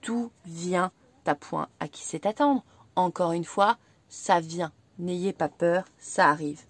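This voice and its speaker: French lady doing a tarot reading, soft and reassuring, dry close sound. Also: on the low side, slow pace, no room sound. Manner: gentle, reassuring, repeats herself. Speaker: tarot reader.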